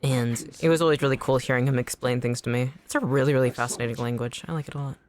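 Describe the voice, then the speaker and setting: Speaking fast at a medium pitch with fairly even intonation and a darkish tone, a streamer chats with viewers mid-game. Their first language is Anishinaabemowin, and they swear and yelp at enemies in the middle of sentences.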